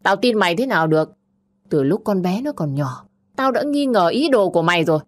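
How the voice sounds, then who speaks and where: A woman voicing a hoarse, furious old grandfather. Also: mid-range voice, animated, brisk, natural voice. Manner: scolding, barking orders. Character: stern elderly grandfather, hoarse and quick-tempered.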